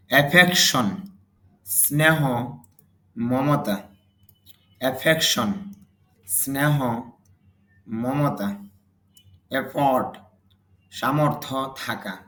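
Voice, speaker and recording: Man, vocabulary teacher, unhurried drilling delivery, each word said twice, roomy reverberant sound. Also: mid-range voice, fairly bright tone. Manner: repeats each word and meaning twice, explains pronunciation rules. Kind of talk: slow vocabulary drill lesson.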